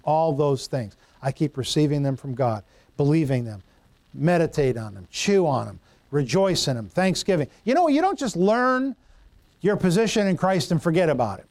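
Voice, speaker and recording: Preaching in a relaxed, folksy style, this middle-aged pastor has a somewhat higher, slightly mellow voice and an animated delivery at normal speed. Greek terms trip him up, and he drifts into everyday stories; the sound is close and dry with no echo.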